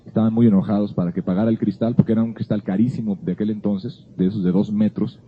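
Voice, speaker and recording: A man's voice: on the low side, steady tone, fast, a little hiss or hum. A man giving an earnest Bible teaching, telling a personal story in a conversational way. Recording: phone-like narrow sound.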